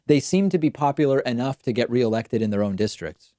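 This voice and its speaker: Mellow-voiced man hosting a political call-in. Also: mid-range voice, lively intonation, a little fast, dry recording, clean studio sound. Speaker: host of a political call-in show. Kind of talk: unscripted political commentary.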